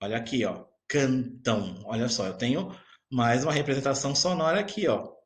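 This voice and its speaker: A man speaking a little fast in a mid-range voice teaches a recorded grammar lesson. His explanations are patient, and he checks in with the class over and over.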